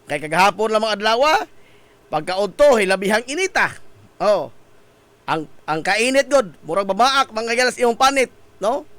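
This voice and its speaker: A man hosting a morning radio show, chatty and joking, his voice hoarse from a cough and cold. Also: sits high, big pitch swings, moderate pace, fairly bright tone, dry recording. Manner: jokey, laughs often at his own quips. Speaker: radio host.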